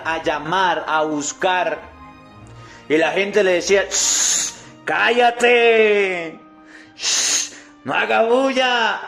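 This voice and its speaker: A priest giving a sermon, speaking with emphasis and asking rhetorical questions, sinking to a low, soft voice on key words. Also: male voice.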